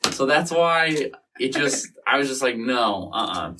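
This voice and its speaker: A man's voice: mid-range voice, animated, measured pace. A man in his twenties, an interview guest telling his story in a loose, profane, rambling way, mimicking the people in it. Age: 20s. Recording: distant mic with faint noise.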